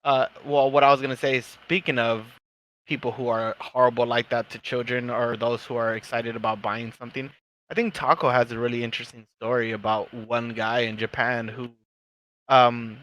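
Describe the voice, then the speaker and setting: A man's voice: medium pitch, fairly even intonation, moderate pace, a bit bright, poor audio. A man co-hosting a gaming podcast, chatting easily and steering the talk along. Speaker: podcast co-host. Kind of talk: casual chat.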